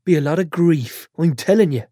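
A man's voice: fairly high pitch, expressive, brisk, warm tone, no room sound, studio quality. A man voicing a hard, threatening middle-aged uncle, speaking crudely. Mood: menacing.

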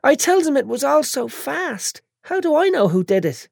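A man voicing a bandaged young woman in a hospital bed, high and whiny. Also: very animated, normal speed, vocal fry, a little mellow, no room sound, clean studio sound, exaggerated voice. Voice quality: high squeaky whine.

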